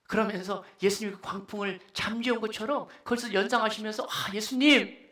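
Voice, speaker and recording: A male pastor preaching a sermon in a church, emphatic and exhorting, at times dropping into quiet asides. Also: high voice, fairly even intonation, fast talker. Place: church sanctuary. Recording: echoey church hall.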